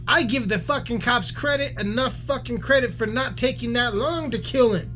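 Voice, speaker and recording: A man's voice: very high voice, moderate pace, sharp tone. A man giving a heated, profanity-filled video rant, swearing constantly and repeating himself, with faint music behind him. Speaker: musician ranting on camera.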